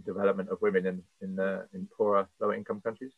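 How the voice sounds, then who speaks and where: A man's voice: low voice, little pitch movement, fast talker, vocal fry, dry recording. A man speaking as a podcast guest, earnest and passionate, thinking aloud with fillers as he goes. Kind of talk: earnest conversational interview. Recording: tinny phone-like line, dry.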